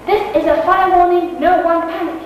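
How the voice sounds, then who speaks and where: A woman's voice: very high voice, fairly even intonation, moderate pace, slight background noise. A woman playing a bossy daughter who hatches plans in an amateur stage play. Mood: scheming. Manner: bossy, plotting. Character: scheming bossy young daughter. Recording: far-off mic in echoey hall.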